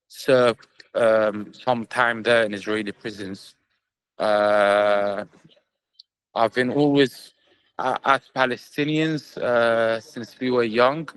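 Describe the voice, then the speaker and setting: Young male fighter, guest in an interview, mid-pitched voice, speaks earnestly and stops to search for words. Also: low-quality recording. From England. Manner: earnest, halting with many fillers. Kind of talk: remote interview answers.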